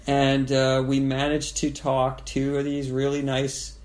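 A man's voice: medium pitch, monotone, measured pace, a crowd in the background. A man from Canada, co-hosting a podcast and telling a travel story in a chatty, joking way. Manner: chatty, jokes and chimes in. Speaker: podcast co-host.

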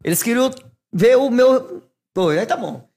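A man, telling animated, self-mocking stories in casual chat and laughing often. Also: very high voice, a little slow, gravelly. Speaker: podcast guest. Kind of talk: casual storytelling.

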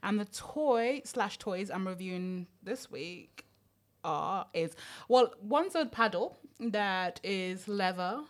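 A woman's voice: medium pitch, lively intonation, slow. A woman co-hosting a podcast, chatting frankly and rambling with lots of fillers. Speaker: podcast co-host. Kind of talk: casual chat.

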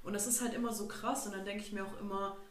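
A woman's voice: medium pitch, steady tone, fast talker. A young woman from Germany, a podcast guest, explaining her views thoughtfully in casual talk with fillers. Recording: echoey room, distant from mic.

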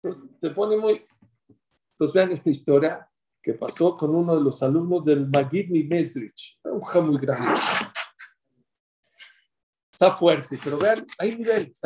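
A man teaching a religious class in an animated way, telling stories and asking his listeners questions. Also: on the high side. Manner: animated, asks the audience questions.

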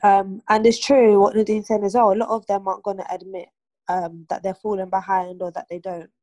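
A woman's voice: mid-range voice, little pitch movement, fairly quick, dark tone, no room sound. A young woman, talking casually in a group discussion, chatty and full of fillers and restarts. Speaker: aunt and mother of a toddler.

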